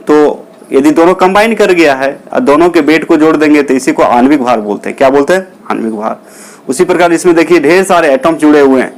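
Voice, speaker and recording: Guy teaching chem, kinda high voice, keeps asking stuff and answering it himself. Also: a little mellow. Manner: asks questions then answers them himself, repeats key terms; calls listeners children. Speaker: chemistry teacher. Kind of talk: classroom lecture.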